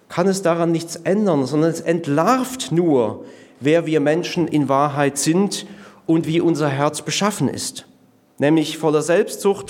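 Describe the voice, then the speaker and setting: Earnest German-speaking pastor preaching. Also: male voice, fairly high pitch, darkish tone. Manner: earnest, measured preaching with slow emphatic stresses. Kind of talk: sermon.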